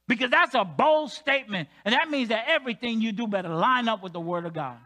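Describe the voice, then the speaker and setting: A male senior pastor preaching a sermon in a church, animated, moving between loud emphatic stretches and quiet joking asides. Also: very high voice, quick pace.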